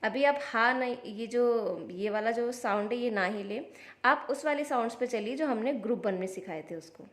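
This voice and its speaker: Speaking at a moderate pace in a voice on the high side, a mother explains step by step how to teach kids phonics. She sounds out the letters patiently in a relaxed how-to vlog.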